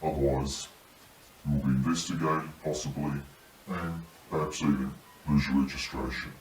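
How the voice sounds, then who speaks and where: A man giving serious testimony as a paramedic whistleblower in measured, halting phrases, his voice electronically disguised to sound deep. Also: steady tone. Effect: disguised deep voice, electronically lowered. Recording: roomy echo, distant mic, faint noise.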